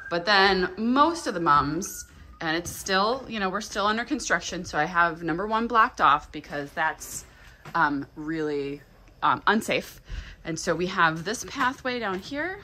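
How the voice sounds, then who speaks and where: A woman's voice: on the low side, bright, forceful tone, a little hiss or hum. Chatty American woman vlogging in a greenhouse. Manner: chatty and enthusiastic, many ums and restarts. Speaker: flower farmer and nursery owner. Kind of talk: casual vlog walkthrough. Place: large greenhouse nursery. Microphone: handheld phone at arm's length.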